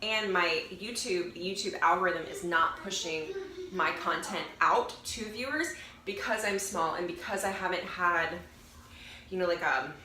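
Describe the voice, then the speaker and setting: This time the fitness vlogger talks a little slowly, her low voice pushed and bright but nasal from the cold she's getting over. She rambles chattily and fixes her own wording as she goes, recorded with a roomy echo and a bit of noise.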